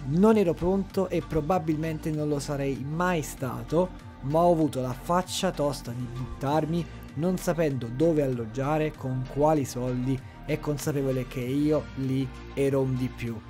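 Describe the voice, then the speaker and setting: Mellow young man narrating his vlog. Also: mid-range voice. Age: young adult. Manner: candid, self-mocking storytelling. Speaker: vlogger. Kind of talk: reflective voice-over narration.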